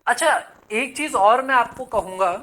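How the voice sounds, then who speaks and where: This Hyderabad-based male English exam teacher speaks at an extremely high pitch and a moderate pace, his tone bright and forceful. Chatting through a relaxed online lesson, he drops English words into Hindi and addresses viewers as "son".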